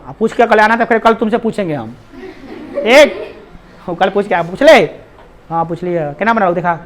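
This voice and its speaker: A man's voice: high voice, a bit bright, a little hiss or hum. Chatty Bihari-accented male maths teacher. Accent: Bihari Hindi. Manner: chatty, teasing, joking with the class. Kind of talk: classroom lesson.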